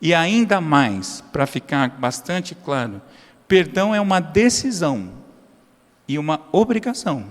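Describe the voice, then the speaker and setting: High-voiced pastor preaching in a reverberant hall. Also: male voice, big pitch swings, measured pace. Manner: preaching with dramatic swings between loud high emphasis and low quiet asides; acts out short prayers and dialogues in a familiar tone. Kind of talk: sermon. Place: church hall.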